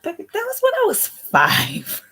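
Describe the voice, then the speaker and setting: A woman's voice: very high voice, wildly swooping pitch, unhurried, vocal fry, a bit bright, soft background music. A woman in her thirties chatting casually as host of a family card game, rambling and thinking aloud in slangy speech. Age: 30s. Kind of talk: casual chat.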